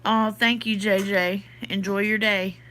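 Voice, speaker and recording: Unhurried and flat in delivery, this medium-pitched woman has a sharp tone, with a little hiss or hum in the audio. She's a podcast host from the Southern US, sinus-stuffy and Southern-accented, casually responding to her livestream chat.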